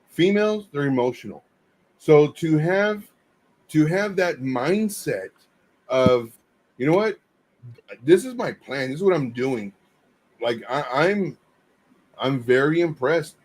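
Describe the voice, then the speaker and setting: A man co-hosting a casual crypto livestream, teasing and halting with frequent restarts. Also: on the high side, expressive, darkish tone. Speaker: co-host.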